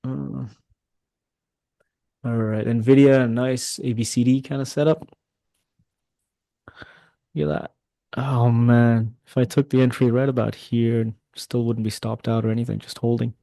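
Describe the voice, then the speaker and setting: Excitable man calling live trades. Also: medium pitch, moderate pace, vocal fry, long pauses, no room sound. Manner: excitable, talks to chat, swears when frustrated. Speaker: day trading mentor. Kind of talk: live trading session commentary.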